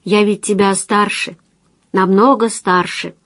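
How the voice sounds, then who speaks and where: A woman's voice: medium pitch, fairly even intonation, unhurried, fairly bright tone, dry recording. A woman reading the lines of a tired, anxious woman who resists a younger man's love. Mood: weary. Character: weary woman, older than her young suitor.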